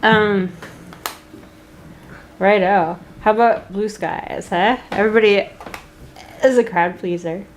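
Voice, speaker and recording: Slow-talking woman bantering dryly between songs. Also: medium pitch, fairly even intonation, a little hiss or hum. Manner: dry, teasing banter. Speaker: musician hosting a live stream. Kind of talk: casual chat between songs. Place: San Francisco home.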